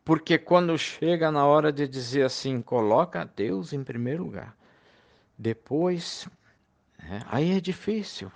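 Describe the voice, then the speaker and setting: A man delivering a sermon to his fellow believers in an earnest, pleading way. His voice sits a little higher than most men's and carries a gravelly rasp. He talks with heartfelt urgency. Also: lively intonation, measured pace. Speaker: preacher.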